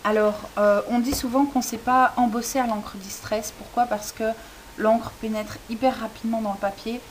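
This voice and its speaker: A woman's voice: fairly high pitch, steady tone, normal speed, rough recording. Chatty woman. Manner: chatty, many hesitations. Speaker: crafting tutorial host. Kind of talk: casual demonstration tutorial. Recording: faint hiss.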